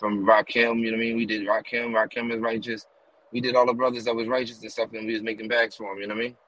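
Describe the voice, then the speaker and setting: A man's voice: medium pitch, little pitch movement, fast, a bit bright, rough recording. A man from the US East Coast, a rapper and promoter telling long rambling stories in a casual interview while riding in a car. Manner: rambling run-on stories with many fillers and "you know what I mean". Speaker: guest, rapper and music promoter.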